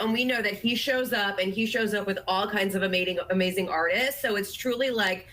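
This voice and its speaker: Upbeat woman interview guest, slightly worn voice, mid pitch. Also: a bit bright. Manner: enthusiastic, upbeat promoter. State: slightly losing her voice. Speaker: communications director guest.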